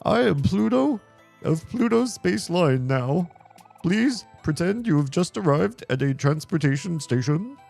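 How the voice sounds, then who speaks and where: A man's voice: high-pitched, animated, a little slow, vocal fry, a little mellow, faint music behind, pitched above the performer's own voice, exaggerated voice. A man voicing Pluto's part as an over-eager, showy space transport operator in a silly clown voice, for a video game. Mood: booming enthusiasm. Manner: silly clown voice, enthusiastic, showy announcer delivery.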